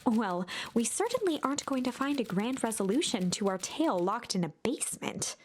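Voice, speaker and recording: A woman hosting a game playthrough, reading the story's narration in a steady storybook manner. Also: fairly high pitch, fairly quick, noisy background. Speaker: let's play host reading the story. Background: game music.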